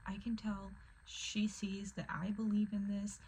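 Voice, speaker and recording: A woman chatting casually to camera in a soft, often whispery voice, with many fillers. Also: mid-range voice, monotone, measured pace, slight background noise, low-quality recording. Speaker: vlogger. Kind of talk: casual chat.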